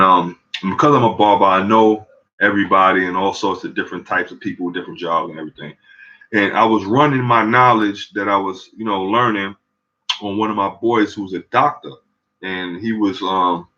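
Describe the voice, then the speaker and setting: Man, New York accent, casual storytelling, streetwise, animated, bright tone. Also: fairly low pitch, dull audio. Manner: streetwise, animated, repeats "you know what I'm saying". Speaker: barber and vlogger.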